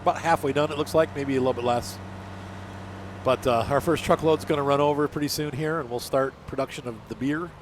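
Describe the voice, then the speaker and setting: A man's voice: medium pitch, fairly even intonation, brisk. A man with a badly plugged nose, sick with allergies, giving casual, folksy, rambling commentary as a gaming channel host. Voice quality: congested, stuffed-up nose. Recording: noticeable noise behind the voice.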